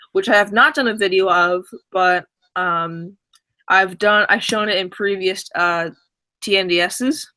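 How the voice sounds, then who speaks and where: Bright-voiced man telling a rambling story. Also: high-pitched, rough recording. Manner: rambling, many restarts and fillers; acts out quoted dialogue excitedly. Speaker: stream co-host. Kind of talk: casual storytelling.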